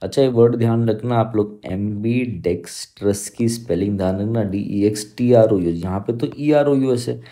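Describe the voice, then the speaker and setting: A man's voice: fairly low pitch, moderate pace, hardly any pauses, warm tone. A man teaching an exam-prep English vocabulary lesson, explaining in Hindi mixed with English, spelling words out letter by letter and often checking understanding. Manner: emphatic, repeats "theek hai" to check understanding.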